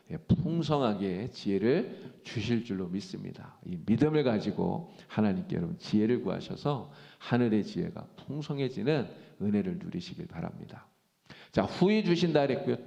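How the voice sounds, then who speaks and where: A man pastor preaching a sermon in a church, animated and acting out quoted speech. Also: medium pitch, gravelly. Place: church sanctuary. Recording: church hall reverb.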